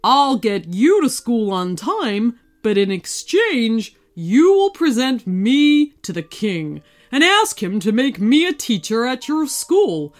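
In a children's story, a woman voices an excitable old male wizard, grand and friendly, stretching out her exclamations. Her pitch runs on the high side, and the mood is friendly, with a bargaining tone.

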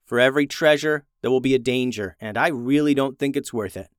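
A man's voice: mid-range voice, brisk, clean tone, no room sound, clean studio sound, close to an everyday voice. A man voicing a level-headed young hero. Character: young man, brother and potion-thrower.

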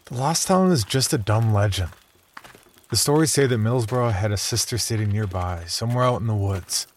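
A man's voice: lowish voice, moderate pace, a little hiss or hum, natural voice. A man voicing Jamie, a cautious twelve-year-old small-town boy, in a horror story, speaking in a reluctant, matter-of-fact way. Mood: wary.

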